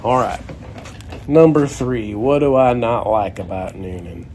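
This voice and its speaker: A man's voice: mid-range voice, animated, measured pace, a little mellow, slight background noise. A man, a young adult guest comedian, delivering a sarcastic, grumbling comedic rant.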